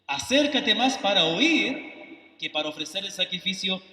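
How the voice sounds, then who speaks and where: A Chilean missionary man preaching a sermon, earnest and pleading, often asking if he is understood and rising to forceful rebuke. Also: high voice, big pitch swings, unhurried. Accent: Chilean Spanish. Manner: earnest, pleading, asks "do I make myself understood?"; emotional, rises to forceful rebuke. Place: church sanctuary. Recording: echoey hall, voice from far off.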